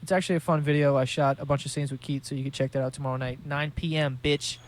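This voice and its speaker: A man's voice: fairly high pitch, steady tone, fast, slight background noise. Profane rambling New guy. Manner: profane, rambling, jokey storytelling. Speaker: podcast host. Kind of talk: casual podcast monologue.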